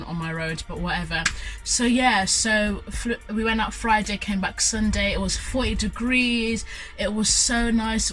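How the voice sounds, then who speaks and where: A woman's voice: mid-range voice, a bit bright, poor audio. Gushing young woman. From Zimbabwe. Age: young adult. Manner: gushing, enthusiastic, lots of fillers. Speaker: student vlogger. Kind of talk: casual vlog storytelling.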